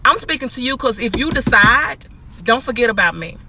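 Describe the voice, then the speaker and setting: A woman in casual spoken advice, chatty and animated, acting out quotes. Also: on the high side, brisk, a little hiss or hum. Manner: chatty, animated, laughs often, acts out quotes. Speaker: host.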